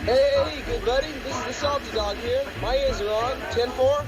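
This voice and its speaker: A man's voice: extremely high pitch, moderate pace, muffled recording. A man playing a trucker talking CB slang over a walkie-talkie radio on a music record. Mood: hearty. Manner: trucker CB slang, loud and punchy. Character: trucker on CB radio called Salty Dog. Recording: radio chatter over music from a played album.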